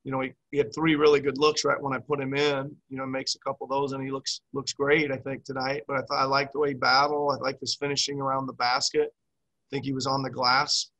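Medium-pitched, flat and brisk, this middle-aged man's voice sounds pushed and bright, and the audio quality is poor. He's a basketball head coach fielding questions at a post-game press conference over a video call, rambling, repeating words and restarting his sentences. He sits in a small room in front of a team backdrop, picked up by a webcam mic.

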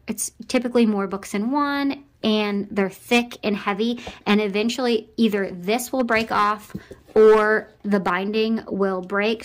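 A young adult woman casually explaining and reviewing a children's book as a parent, in an instructive manner. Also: mid-range voice. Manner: explanatory, spelling out letters and words. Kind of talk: casual product walkthrough.

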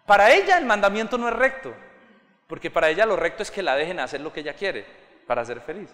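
A pastor's high, bright, ringing voice fills a reverberant church hall as he preaches passionately, building to fervent peaks. He acts out everyday scenes as he goes, speaking quickly in a sing-song way.

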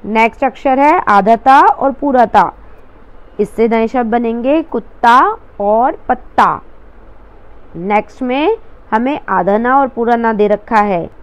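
A woman teacher explaining a worksheet to children step by step, patiently repeating each word. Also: fairly high pitch.

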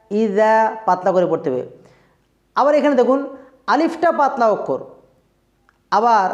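A Quran recitation teacher giving a tajweed pronunciation lesson, explaining slowly and drawing out recited words to demonstrate them. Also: mid-range voice. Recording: roomy, dull lo-fi recording.

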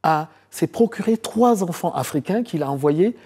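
A middle-aged man from Côte d'Ivoire, a historian, giving long answers in a TV interview, often pausing with fillers and repeating phrases. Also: on the high side, expressive, dark tone, breathy edge. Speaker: historian and author guest. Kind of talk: TV interview, recounting his research.

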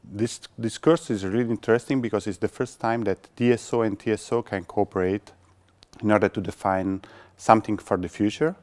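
Deep-voiced Italian man, hesitant English. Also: steady tone, a little fast, darkish tone. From Italy. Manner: hesitant, many fillers. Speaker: course participant. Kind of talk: testimonial interview. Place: classroom.

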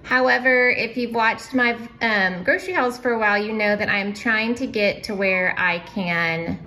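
A woman's voice: mid-range voice, moderate pace, sharp tone, low-quality recording. A woman in her thirties chatting casually at home through a grocery haul vlog, rambling with small asides and a little out of breath. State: slightly out of breath. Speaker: vlogger.

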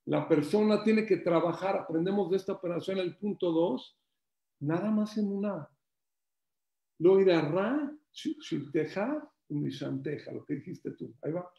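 A man teaching a Torah class, animated, repeating phrases and acting out stories. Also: high voice, a little slow, creaky, roomy sound. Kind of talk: religious class.

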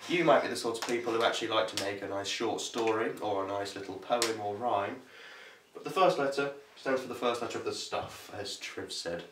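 A man's voice: fairly low pitch, a little fast. Easygoing young man explaining, roomy sound. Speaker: revision video co-host. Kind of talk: casual tutoring chat. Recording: echoey room, mic far off, faint hiss.

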